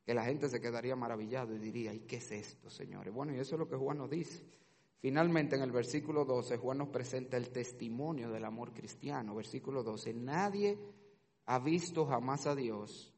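A man's voice: mid-range voice, moderate pace. Impassioned male preacher in a reverberant hall. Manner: dynamic preaching, swings from hushed to shouting. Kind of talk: sermon. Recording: long reverb of a large hall.

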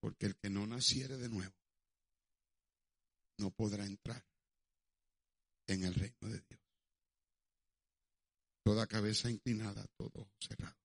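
A man's voice: lowish voice, steady tone, takes it slowly, creaky, pauses often, dry recording, clean studio sound. A male preacher who delivers an evangelistic sermon dramatically and moves into prayer.

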